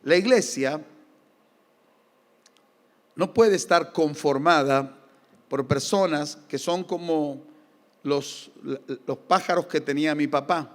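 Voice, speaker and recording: A man with an Argentine accent preaches with lively emphasis, his voice pitched notably high. He moves between firm exhortation and humorous anecdote. The recording carries the long reverb of a church hall. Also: takes it slowly, long pauses. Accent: Argentine Spanish. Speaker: pastor. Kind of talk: sermon.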